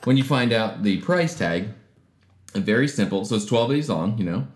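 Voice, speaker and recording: A man's voice: fairly low pitch, lively intonation, normal speed. Joking man co-hosting in an echoey room. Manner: joking, sarcastic, laughs often. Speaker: podcast co-host. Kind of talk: casual comedic chat.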